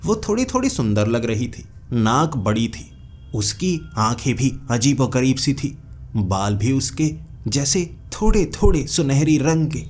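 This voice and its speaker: A man's voice: mid-range voice, a little mellow. Man telling a suspenseful horror story. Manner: dramatic, suspenseful. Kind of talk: first-person horror story narration. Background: faint music.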